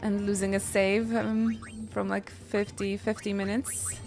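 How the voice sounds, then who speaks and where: Game music plays behind a woman chatting casually and letting out playful exclamations while live-streaming a video game. She speaks at a medium pitch with little pitch movement, a measured pace, and a darkish tone.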